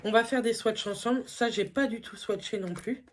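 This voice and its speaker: A woman's voice: fairly high pitch, normal speed, noisy background. A woman, chatting casually through a beauty haul, full of fillers and enthusiastic asides. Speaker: beauty vlogger.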